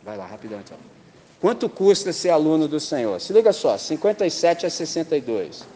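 A man with a Brazilian accent preaching a sermon in a lively, slangy way, full of rhetorical questions. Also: a little high, brisk, big-room sound. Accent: Brazilian Portuguese.

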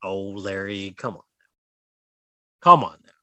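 A man's voice: sits low, lively intonation, slow, pushed and bright, no echo. A man co-hosting a casual podcast, telling stories loosely and swearing freely. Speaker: podcast co-host and improv comedian.

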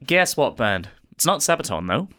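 A man's voice: mid-range voice, big pitch swings, normal speed, pushed and bright. A man co-hosting a radio show, teasing and upbeat in casual chat. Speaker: radio co-host.

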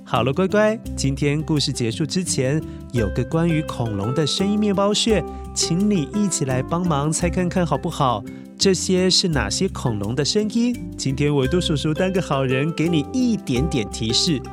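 Animated male children's storyteller, highish voice. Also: normal speed, few pauses, music in the background. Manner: playful, animated, asks the young listener questions. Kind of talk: children's story narration and quiz.

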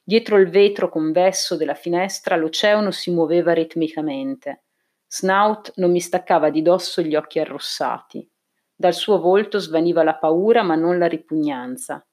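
Woman narrating a novel, low and measured. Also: a little mellow. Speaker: audiobook narrator. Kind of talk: first-person audiobook narration.

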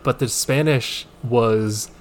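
A man's voice: medium pitch, slow pace, a little hiss or hum. Easygoing man with a mid-range voice. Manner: easygoing, analytical, lightly joking. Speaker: podcast co-host. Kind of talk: casual movie-review chat.

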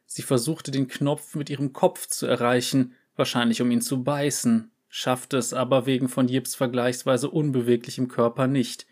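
A man narrating a short story aloud in a calm, measured way. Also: medium pitch.

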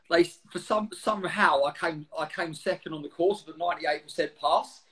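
A man's voice: on the high side, moderate pace, sharp tone, rough recording. A man in his forties with an Essex accent, telling anecdotes in casual interview chat with informal, slangy, blokey speech. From Essex, England. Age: 40s. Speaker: guest, former military serviceman.

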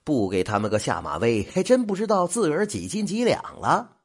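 A man's voice: fairly high pitch, wildly swooping pitch, a little fast, slightly rough, full character voice. A man voicing a pompous, touchy new male prefect who huffs and snorts. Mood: smug. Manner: huffy, snorting, bossy.

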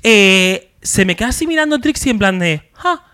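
A man's voice: normal speed, clear, resonant tone. A young man, animatedly telling a story on a casual podcast chat. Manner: animated, acts out quotes with big jumps in pitch. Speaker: podcast co-host.

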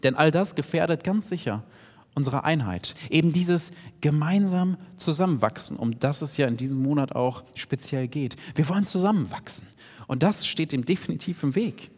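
A man preaching a sermon in an earnest, direct way, sometimes dropping to soft asides. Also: on the high side. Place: church hall. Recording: long hall reverb.

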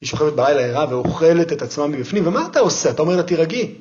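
Animated man telling stories, higher-pitched. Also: reverberant, dull audio. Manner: animated storyteller, emphatic, lively pitch swings. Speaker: podcast guest, parenting and habits speaker. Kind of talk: conversational advice with anecdotes.

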